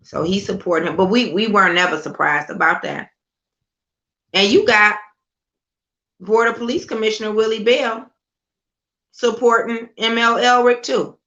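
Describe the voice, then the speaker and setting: A woman's voice: medium pitch, fairly even intonation, normal speed, pauses often, a bit bright. A woman giving a fiery, sarcastic political monologue, hammering home points with repeated rhetorical questions, on a slightly dull lo-fi recording. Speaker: political commentator.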